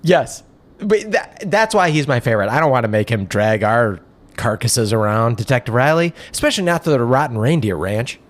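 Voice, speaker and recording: Playful man with a lively voice. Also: medium pitch, brisk. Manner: playful, jokey, punning. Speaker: podcast co-host. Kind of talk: improvised comedy banter.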